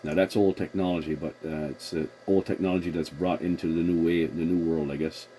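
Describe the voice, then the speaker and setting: A CB radio operator and video host talks in a deep, mellow voice, slightly fast, with fairly even intonation. His laid-back CB conversation uses radio call procedure and frequent rephrasing, captured on a noisy recording.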